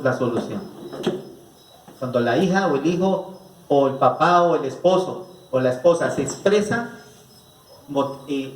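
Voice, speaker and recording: A man's voice: a little high, a little hiss or hum. Colombian man lecturing in an echoey hall. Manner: rhetorical, asks the audience questions, repeats "¿no es cierto?". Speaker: psychologist giving a family conference. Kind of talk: lecture to a live audience. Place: rural venue with an audience. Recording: echoey room picked up from a distance.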